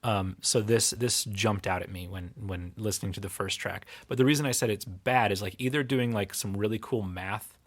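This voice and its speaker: A man with a fairly low voice co-hosts a casual music podcast. He rambles, breaks off and restarts his thoughts, and laughs easily as he talks. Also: moderate pace. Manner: rambling, self-interrupting, laughs often. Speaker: podcast co-host and guitar teacher. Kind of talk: casual chat about music. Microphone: studio mic, recorded in home studio software.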